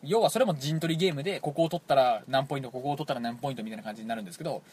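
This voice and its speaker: A man from Toyama with a Toyama dialect, telling a rambling, animated story as a radio show co-host in casual chat. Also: mid-range voice, very fast, husky. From Toyama, Japan. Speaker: podcast co-host.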